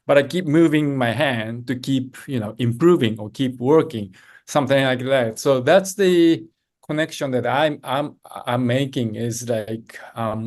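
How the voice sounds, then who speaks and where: A middle-aged Japanese man, a native Japanese speaker, is a guest on a podcast, answering interview questions as a lean management consultant. His medium-pitched voice is thoughtful, and he builds his answers from stories, hesitating often as he works through examples.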